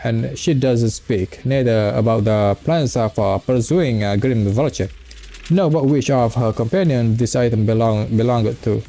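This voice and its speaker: Mellow man reading a game aloud. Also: mid-range voice, a little slow. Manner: stumbles and repeats words while reading. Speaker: gameplay streamer. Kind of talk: reading game narration aloud with casual reactions. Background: game music.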